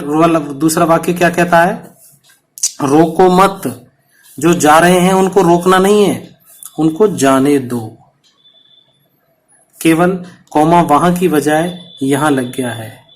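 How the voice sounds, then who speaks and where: A man's voice: a little high, slow pace, long pauses. A man teaching a punctuation lesson to students, explaining patiently and repeating each example.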